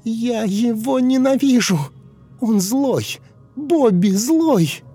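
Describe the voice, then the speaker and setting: Мужчина изображает визжащую девочку в слезах. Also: male voice, lively intonation, unhurried, warm tone, soft background music, heavily acted. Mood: sobbing, hateful. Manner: high shrill childish wailing, pleading and vengeful. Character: woman regressed to a sobbing hateful ten-year-old girl. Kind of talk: dramatic audiobook reading.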